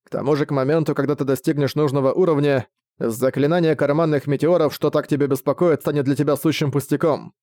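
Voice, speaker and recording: A man voicing a carefree male priest who mentors a student, speaking in an unhurried, lightly mocking way. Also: on the high side, fairly even intonation, darkish tone, no echo, clean studio sound, natural voice. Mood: lecturing.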